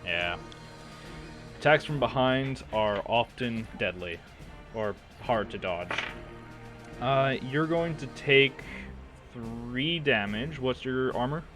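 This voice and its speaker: Game master, male, mid-pitched, unsure, pauses to check rules, music underneath. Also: animated. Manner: hesitant, checks rules aloud with many uhs. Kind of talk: running a tabletop game.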